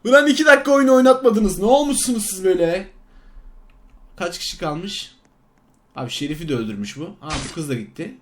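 A man giving casual commentary on his own gameplay, swinging between loud outbursts and sly muttering. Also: sits high, lively intonation, brisk. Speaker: gaming YouTuber. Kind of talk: casual Let's Play commentary.

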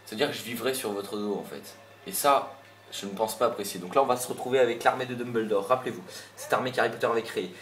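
A man's voice: mid-range voice, quick pace. A young man giving casual, rambling commentary over a video game, slightly irritated and swearing now and then. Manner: rambling, chatty, mild swearing. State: a bit irritated. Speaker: gameplay commentator. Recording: roomy voice with game music behind.

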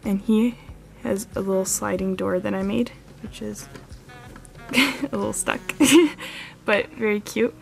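Soft music plays behind a woman with a medium-pitched, creaky voice, fairly even intonation, and a slightly slow pace. The model horse channel host gives a casual walkthrough of a carpeted room, filming close on a handheld camera and filling her chatter with "like" and "um."

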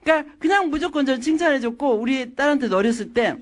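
Lively middle-aged woman telling stories. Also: sits high, fast. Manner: animated storytelling, acting out quotes. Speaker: lecturer. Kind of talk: lecture with personal anecdotes.

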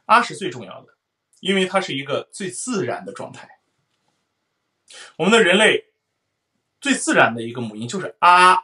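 A man's voice: on the high side, big pitch swings, moderate pace, pauses often. A man teaching a singing lesson, explaining resonance and singing vowels aloud to show it. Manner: explains then sings vowels, loud sung demonstrations.

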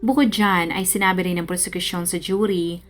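Low-voiced woman narrating true crime. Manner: steady, measured storytelling. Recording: faint background music.

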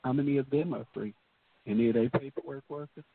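Heard over a tinny phone line, this man co-hosts a casual talk show, delivering blunt, emphatic remarks laced with profanity. He talks fast in a creaky mid-range voice, and the audio is very noisy.

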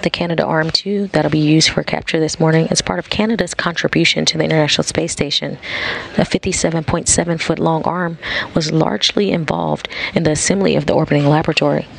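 Gravelly higher-pitched male commentator. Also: fairly even intonation, fast talker. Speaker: mission commentator. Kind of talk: live event commentary.

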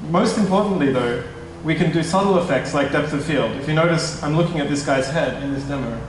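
A young man talks a meetup crowd through his product in a casual, slightly nervous way, often correcting himself mid-sentence. His voice sits a little high for a man. The sound is distant and washed in heavy hall echo, with faint room noise behind. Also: fairly quick. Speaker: tech startup presenter. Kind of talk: conference presentation. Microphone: stand mic at a distance. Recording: echoey hall, mic at a distance.

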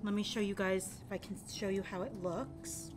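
A young woman films a relaxed food review vlog at an outdoor restaurant table, chatty as she describes each mouthful. She has a mid-range voice, steady in tone at normal speed, against noisy patio surroundings.

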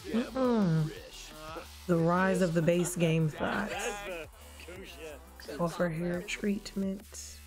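Woman livestreaming a sim game, takes her time talking, game music playing loud behind her. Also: lowish voice, extremely slow, pauses often. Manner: chatty, voices reactions aloud, frank slang. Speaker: streamer. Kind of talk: casual gameplay livestream commentary.

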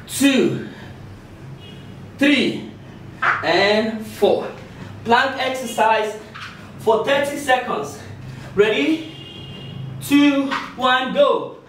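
A middle-aged man working out as an aerobics instructor, counting and cheering on in short, exerted, encouraging cues with puffs. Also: very high voice. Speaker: fitness instructor leading a workout. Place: indoor tiled room, on an exercise mat. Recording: echoey room, distant mic, faint noise.

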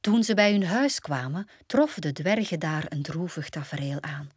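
A woman with a Flemish accent reads a fairy tale aloud for children. Her voice is slightly low and breathy-husky, with a lively rise and fall in her pitch. The recording is close and dry. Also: moderate pace, dry recording. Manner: expressive, dramatic storytelling. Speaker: storyteller reading aloud to children.

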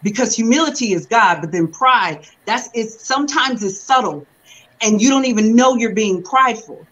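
Over a video call from a room at home, a young woman serving as reverend delivers a sermon, her webcam audio sounding slightly dull and muffled. Her voice runs high, animated and a touch bright, slowing when she reads scripture aloud before she explains it in loose, conversational preaching talk.

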